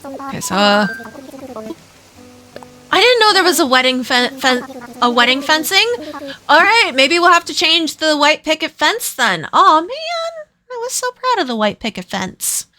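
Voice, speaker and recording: A woman's voice: sits high, big pitch swings, moderate pace, pauses often, music in the background. A woman from Minnesota with a Minnesotan accent, chatting casually and giggling while streaming a game. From Minnesota, USA. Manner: chatty, giggly, rambling aside to chat.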